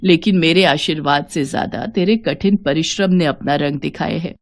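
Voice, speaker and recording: Woman doing a sweet old mother-in-law, talks slow and low and soft, cartoon story. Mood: encouraging. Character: elderly kind mother-in-law, patient and loving.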